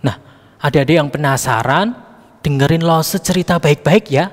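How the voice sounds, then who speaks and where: A man's voice: on the high side, normal speed, in a large hall. A man leading a children's Sunday school Bible lesson, coaxing and addressing the kids directly.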